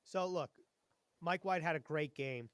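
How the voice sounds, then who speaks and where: A man with a fairly high voice hosts a sports podcast in an easygoing, friendly way. The recording is close and dry with no room sound. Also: unhurried, clean tone, no echo. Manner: friendly, easygoing, laughs often. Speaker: podcast host. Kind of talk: casual sports podcast chat.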